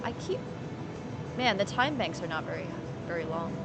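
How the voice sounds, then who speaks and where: Loud music plays beneath a woman's lowish, creaky, expressive voice as she speaks at a moderate pace. The Finnish streamer chats casually during a poker game, rambling in fragments and answering people in her chat.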